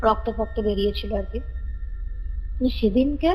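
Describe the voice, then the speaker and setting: Her voice is mid-range, warm, and a little rough as this woman, a caller, casually shares a family ghost tale at a normal speed, looping back to repeat certain phrases. The call recording has reverb, with music playing underneath.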